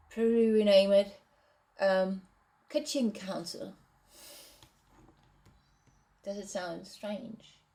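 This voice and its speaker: A woman reads from her novel draft and talks it over, hesitant and pausing to rethink her wording. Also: mid-range voice, vocal fry, darkish tone. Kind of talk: casual reading and commentary.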